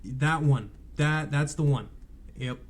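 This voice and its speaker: A man from California joins a podcast as a guest, speaking in a slightly higher voice. He is enthusiastic and easygoing in casual conversation. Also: slow pace, slight background noise. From California, United States. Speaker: guest, sports reporter. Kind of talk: casual interview chat.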